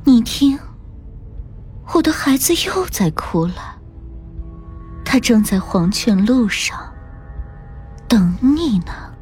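A woman's voice: big pitch swings, takes it slowly, long pauses, a little mellow, soft background music. A woman voicing a cold, scheming pregnant young woman who speaks in an icy sneer. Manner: icy, sneering, low-voiced.

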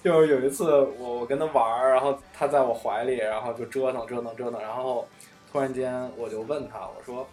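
A man's voice: medium pitch, fairly even intonation, a little fast, a little mellow, faint music behind. A man chatting casually, telling funny stories about his child with frequent laughter. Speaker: podcast guest, father. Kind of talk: casual chat, anecdotes.

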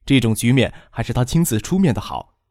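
A man narrating a novel as scripted audiobook reading, with a lively, expressive delivery. His pitch moves a lot across each line. The sound is dry and close to a studio mic. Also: brisk, no echo.

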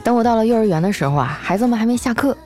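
A woman's voice: on the high side, expressive, racing, warm tone, faint music behind. A woman hosting a comedy podcast who tells funny stories in a playful, chatty way. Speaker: podcast host. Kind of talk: comic storytelling.

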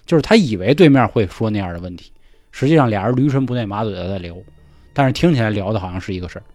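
Fast-talking man telling ghost stories. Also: fairly low pitch, lively intonation, no room sound, soft background music. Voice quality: colloquial, acts out dialogue in hushed voices. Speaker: podcast storyteller. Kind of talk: casual ghost story telling.

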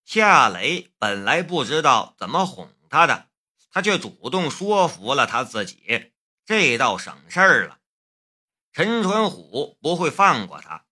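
A man narrating a novel as an audiobook, in a measured storytelling manner. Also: mid-range voice, sharp tone, husky. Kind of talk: scripted narration.

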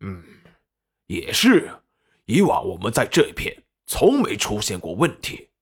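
A man voicing a gruff, suspicious one-eyed pirate boss in an audiobook. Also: fairly low pitch, huge pitch swings, measured pace, full character voice. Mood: wary. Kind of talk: audiobook character voice.

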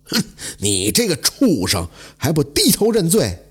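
A man's voice: medium pitch, huge pitch swings, moderate pace, darkish tone, slightly rough. A man doing a shrewd, hearty old merchant. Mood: stern. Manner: hearty, scolding. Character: shrewd older male merchant, stern but warm.

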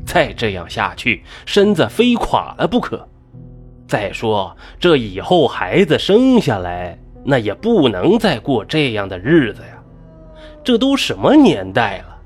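Anxious young husband in a storybook tale, soothing tone, husky, as a male storyteller does him. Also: mid-range voice, full character voice. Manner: coaxing, pleading.

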